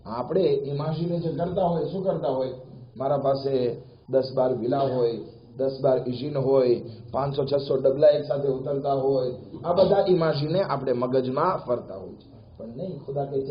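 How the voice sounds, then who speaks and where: A man giving an animated sermon, telling stories with rising emphasis. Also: medium pitch. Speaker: preacher. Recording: echoey hall, dull lo-fi sound, faint noise.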